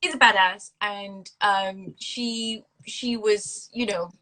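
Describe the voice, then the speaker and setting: A woman's voice: mid-range voice, steady tone, takes it slowly, sharp tone, poor audio. A woman in her thirties, raised in Singapore, chatting as a guest in a casual interview with many fillers and restarts. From India, raised in Singapore. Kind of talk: casual interview over a phone call.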